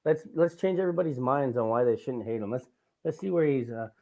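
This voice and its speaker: Male podcast host, mid-pitched, crude and teasing, laughs a lot. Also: expressive, quick pace, dark tone. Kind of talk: casual comedic podcast chat.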